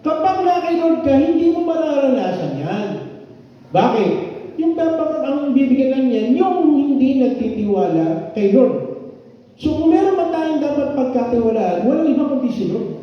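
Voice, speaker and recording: Older guy preaching, very high voice, keeps asking the crowd stuff, big echoey church hall with long reverb. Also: sing-song, moderate pace. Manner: conversational, keeps asking the congregation questions. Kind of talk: Sunday sermon. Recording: echoey, dull hall sound from far off.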